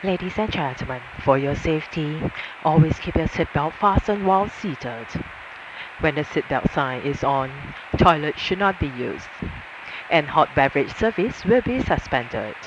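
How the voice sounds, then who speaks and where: A man working as a flight attendant reads a formal announcement in a fairly high male voice. He is polite and scripted. The sound is muffled, with clear engine noise in the cabin. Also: animated, normal speed.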